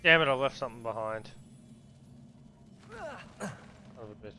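A man streaming a game in casual commentary, reading in-game notes aloud haltingly and reacting with swearing. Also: medium pitch, music in the background. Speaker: gaming streamer.

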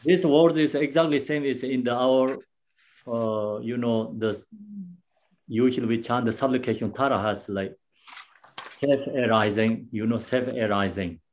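Male Buddhist teacher, dharma teaching; unhurried, halting delivery with frequent pauses, simple non-native English phrasing, medium pitch. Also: steady tone. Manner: halting, unhurried explaining with many pauses and restarts.

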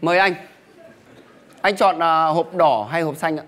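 A man playing an officious celestial game-show host in a satirical stage comedy, announcing formally and briskly. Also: a little high, fairly bright tone.

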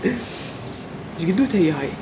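A young man with an Iraqi Arabic accent, doing an animated, mock-puzzled comic vlog monologue. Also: high-pitched, moderate pace, noisy background. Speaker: comedy vlogger.

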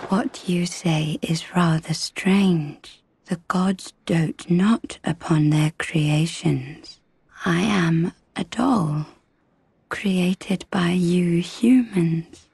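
A woman voicing a meek, solemn and eerie talking doll in a video game, with a soft breathy voice and formal, measured speech. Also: lowish voice, no echo, full character voice. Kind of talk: video game character dialogue.

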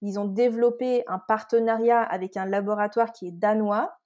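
Woman guest from Scotland, warm and mellow tone, explanatory, restarts often. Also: mid-range voice, steady tone, normal speed. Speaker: nutritherapist guest. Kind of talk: casual interview chat.

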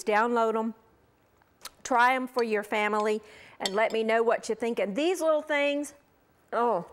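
A middle-aged woman hosting a cooking show, gushing enthusiastically over the food she demonstrates. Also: fairly high pitch.

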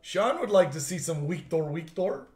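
This young man's voice sits on the high side, expressive with a darkish tone. Hosting a live trading card break from a table in an indoor studio, he playfully jokes with viewers over player name pronunciations and announces pulls, drawing out the hype for the big ones.

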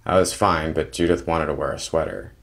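Young male vlogger, very low voice, plain detailed diary-style narration. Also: fairly even intonation, brisk, gravelly, a bit bright. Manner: plain, detailed descriptive narration with small restarts.

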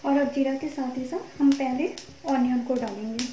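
A woman with a high voice explains a recipe step by step in a chatty, instructional way. She talks over a stove in an echoey home kitchen, with clear sizzling and frying sounds behind her. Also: normal speed, background noise. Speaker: cooking channel host. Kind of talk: home cooking tutorial.

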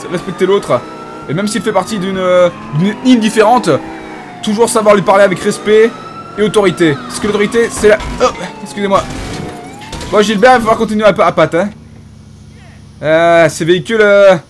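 Over a noisy background, a gaming YouTuber speaks in a high voice close to his everyday one. He plays a pompous, bumbling police inspector with a French accent and hesitant fillers, delivering mock-solemn, comedic in-character game commentary.

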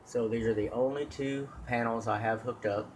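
A man's voice: medium pitch, fairly even intonation, normal speed, a little mellow, a little hiss or hum. A man filming his own equipment test with a handheld camera, talking plainly and rambling with fillers and restarts. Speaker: solar hobbyist vlogger. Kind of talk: casual off-the-cuff demo.

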